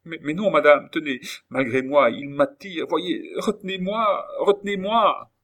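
A man voicing a terrified young woman in an audiobook, pleading in a frantic, high voice. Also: unhurried, a bit bright. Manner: breathless, high-pitched frightened pleading. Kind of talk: audiobook character voice.

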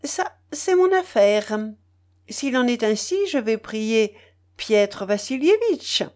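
A woman's voice: fairly high pitch, big pitch swings, takes it slowly, darkish tone, voice pushed up. A woman voicing a haughty, teasing young princess in an audiobook, with a mocking, imperious manner. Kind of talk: audiobook character voice.

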